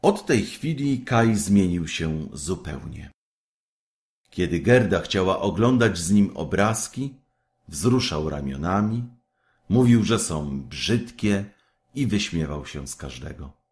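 A man reads a fairy tale aloud in a low voice. His delivery is slow and measured. His pitch rises and falls widely as he tells the story. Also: lively intonation, a little mellow.

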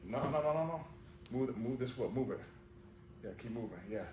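Recorded by a camera on the floor of a large, echoing gym with noise in the background, a man coaches judo hands-on. His medium-pitched voice has a darkish tone and sounds animated and a little fast as he calls short commands and repeats cues.

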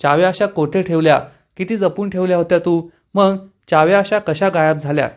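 A man's voice: high voice, a little fast, muffled recording, natural voice. A man reading the lines of a scheming older mother-in-law in a TV serial recap. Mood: coaxing.

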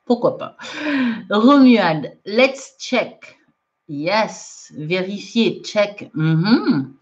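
Woman teaching english on a livestream, slow and chatty, laughs a lot, kinda muffled lo-fi sound. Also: medium pitch, animated. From France. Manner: unhurried, chatty, laughs often, mixes French and English. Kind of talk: live online lesson, reading viewer comments. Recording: dull lo-fi livestream audio.

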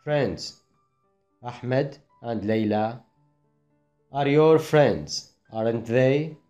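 Man, English teacher, very slow, relaxed mellow voice, careful explanations. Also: mid-range voice, muffled recording, faint music behind. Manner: explains in Arabic, reads English phrases slowly and carefully. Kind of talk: classroom grammar explanation.

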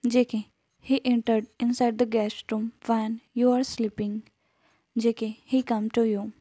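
Sex: woman. Role: fan fiction reader. Style: reading a story aloud. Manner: slow, flat, names before lines. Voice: fairly high, mellow. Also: no room sound.

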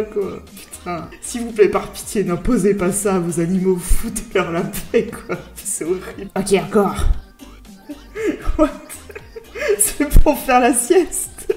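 A woman YouTuber giving casual, excitable reaction commentary, swearing and laughing often. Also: medium pitch, echoey room. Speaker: YouTuber host.

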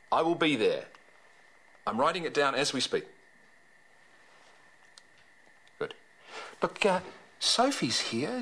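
A brisk Kiwi hospital boss. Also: male voice, medium pitch, bright, forceful tone, a little hiss or hum, exaggerated voice. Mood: affectionate. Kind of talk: TV soap acting.

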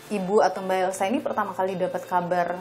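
A woman reporter talks quickly, asking short questions at a home and repeating each answer back to confirm it. Clear music plays behind her voice. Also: medium pitch, level tone. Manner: brisk, keeps confirming answers. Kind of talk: interview questioning. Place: at the interviewee's home.

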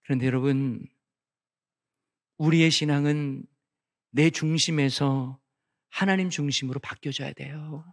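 A middle-aged man preaching a revival sermon with a notably high-pitched voice. He drops into soft, intimate storytelling, then climbs into loud, emphatic declarations. The long reverb of a church sanctuary trails after every phrase. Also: steady tone, unhurried, long pauses. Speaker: guest pastor.

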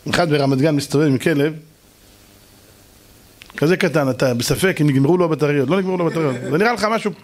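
A man giving a lively sermon to an audience, asking questions and answering them himself, and acting out shouting and calm voices. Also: on the high side, long pauses. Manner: animated, mimics shouting and soft calm voices for effect. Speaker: rabbi giving a Torah lesson.

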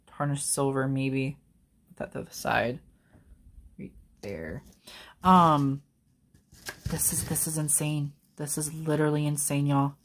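Young woman reseller vlogging, kinda low voice, gets super excited and giggly. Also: a little hiss or hum. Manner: excitable, gushing, laughs often, says y'all. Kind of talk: casual unboxing vlog.

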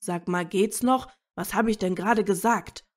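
A woman reading aloud as a gruff adult male werewolf who scolds and growls. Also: on the low side, slow, mellow. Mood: gruff scolding. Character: gruff grown male werewolf, curt and irritable.

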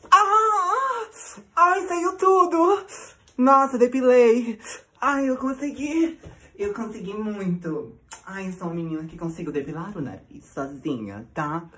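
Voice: medium pitch, sing-song, moderate pace, pushed and bright. A performer playing a vain, theatrical woman vlogger in a comic sketch, fussing and chatting straight to the viewers. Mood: panicky. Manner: theatrical, fussy, talks to viewers as babies. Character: vain dramatic woman vlogger waxing her nose.

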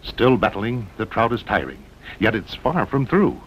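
An American man narrates a 1960s promotional documentary dramatically, using punchy short phrases, his pitch swinging widely at a normal speed. The old film soundtrack sounds muffled, with a rumbling noise underneath.

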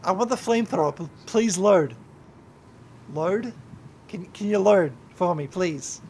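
Drunk while livestreaming a game, a young YouTuber rambles, swears heavily and yells at the screen. His gravelly voice is high for a man, expressive and a little slow, with a faint hiss underneath.

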